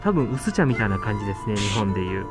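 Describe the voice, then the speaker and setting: A man's voice: lowish voice, very animated, fast talker. A man from Osaka, talking enthusiastically and politely on camera while tasting and demonstrating. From Osaka, Japan. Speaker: flight attendant vlogger. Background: loud music.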